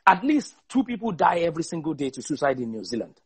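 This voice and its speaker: A man preaching fervently as a guest, repeating words in quick bursts and firing rhetorical questions. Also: fairly high pitch, sing-song, breathy edge.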